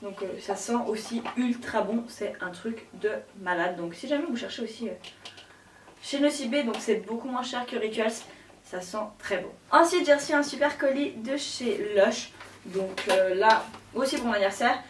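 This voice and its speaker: A woman's voice: fairly high pitch, normal speed, echoey room, distant mic, a little hiss or hum. A young woman chatting casually to camera about her haul, gushing and slangy, with lots of fillers. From Switzerland. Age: young adult. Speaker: beauty vlogger.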